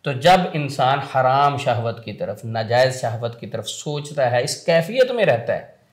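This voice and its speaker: A man's voice: mid-range voice, animated, measured pace, roomy sound. Earnest man explaining point by point. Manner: earnest, explains in numbered points, quotes hadith. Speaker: spiritual healer guest. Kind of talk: religious talk show discussion.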